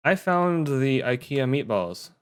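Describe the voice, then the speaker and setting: Expressive, bemused man on a call. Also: mid-range voice, slow, clean tone. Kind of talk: casual chat.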